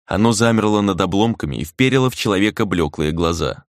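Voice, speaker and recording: A man reading a dark fantasy novel aloud as an audiobook narrator, measured and dramatic, slowing down for emphasis. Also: sits low, animated, dry recording, studio quality.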